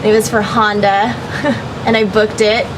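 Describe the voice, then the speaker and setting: A young actress talks loosely in a casual interview, stringing thoughts together with fillers and breaking into laughs. Her voice sits at an ordinary middle pitch. A steady hum of air conditioning noise runs clearly under the recording. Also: a little slow. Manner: chatty, laughs often, many fillers.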